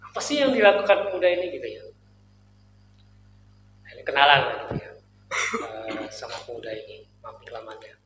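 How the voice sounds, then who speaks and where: A man's voice: medium pitch, a little fast, pauses often, fairly bright tone. A man preaching a sermon in a mosque, telling the story in a casual, joking way. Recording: echoey mosque hall with faint noise.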